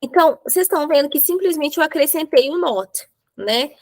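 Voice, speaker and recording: A woman teaching an English grammar class, explaining step by step and slowing down to spell out examples. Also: high-pitched, expressive, no room sound, rough recording.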